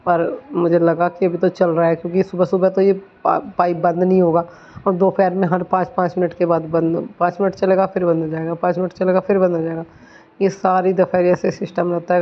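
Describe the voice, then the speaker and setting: A woman vlogging her morning routine in a home kitchen, talking through her chores in a chatty, homely way. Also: lowish voice. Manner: chatty, homely, explains while doing chores. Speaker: village vlogger, mother. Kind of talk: casual vlog narration of daily routine. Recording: slightly dull lo-fi audio.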